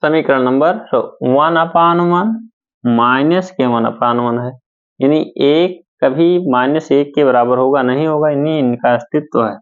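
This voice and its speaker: Guy teaching math really slowly, repeats each step, muffled lo-fi audio. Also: mid-range voice. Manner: slow, repeats steps and asks questions back to students. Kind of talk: board-work math lesson. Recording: dull lo-fi sound.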